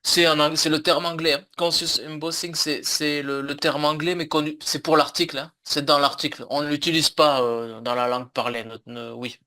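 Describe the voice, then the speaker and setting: A man's voice: on the high side, little pitch movement, normal speed, few pauses, pushed and bright. A man teaching a French lesson over a video call, explaining patiently with many fillers and repeats. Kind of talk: online language lesson.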